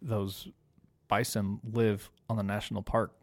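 A man's voice: fairly low pitch, little pitch movement, measured pace. A man hosting a podcast, asking questions and giving short encouraging replies. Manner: friendly, encouraging, brief replies. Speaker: podcast host. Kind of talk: interviewer.

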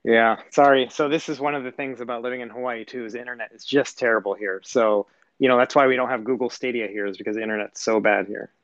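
A man's voice: mid-range voice, steady tone, fast talker, a bit bright, no echo. Guest calling in, a man on a choppy Bluetooth cell line that drops out, muffled and dry, loose and apologetic. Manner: easygoing, apologetic, rambling with restarts. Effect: Bluetooth phone line cutting out. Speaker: podcast guest. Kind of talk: casual chat. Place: outdoors at home. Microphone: cell phone over Bluetooth.

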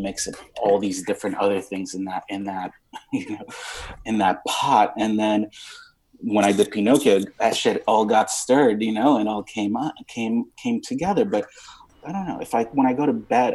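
A man's voice: lowish voice, moderate pace, darkish tone, breathy edge, low-quality recording. A man in his thirties from Romania, talking in a rambling, searching way with lots of fillers and some casual swearing as an interview guest. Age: 30s.

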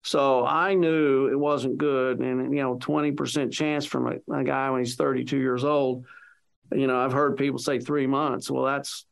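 Gravelly man telling a personal story. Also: medium pitch, little pitch movement, normal speed. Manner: rambling, many "you know" fillers; acts out quoted speech of others. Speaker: interviewee.

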